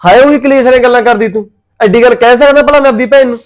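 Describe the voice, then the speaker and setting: An actor with a Punjabi accent playing a weary husband who defends his sister and tries to calm his wife. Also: extremely high pitch, very fast. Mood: placating. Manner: weary, placating. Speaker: husband in a joint family. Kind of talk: short film acting.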